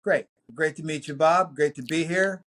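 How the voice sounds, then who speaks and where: A man in his sixties with a New York accent, telling long anecdotes as an interview guest, full of fillers and lively quoted voices. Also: a little high, normal speed. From New York City. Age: 60s. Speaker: music producer and engineer guest. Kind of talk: casual interview storytelling.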